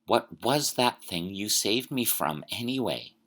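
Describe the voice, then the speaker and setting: An anxious, curious young boy wizard voiced by a woman speaks in a hushed, lowered voice, slowly and softly. His lines are plain questions for a storybook scene. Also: animated, full character voice. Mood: curious, uneasy. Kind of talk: storybook reading.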